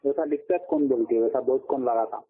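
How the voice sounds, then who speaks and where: A man's voice: medium pitch, quick pace, breathy edge. A man debating over a phone call who interrupts often and repeats himself. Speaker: debater answering the questions. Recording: tinny phone line.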